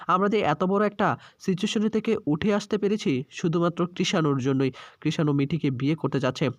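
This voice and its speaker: A man voicing an approving family elder, speaking in a measured way. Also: on the high side, fairly even intonation, no echo, natural voice. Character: relieved family elder praising a suitor.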